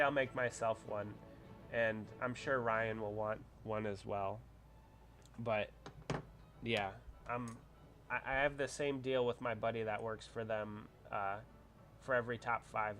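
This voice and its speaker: A cold has this married adult man congested as he hosts a casual livestream, chatting in a rambling way and reading viewer comments aloud. His voice is on the low side and a bit bright.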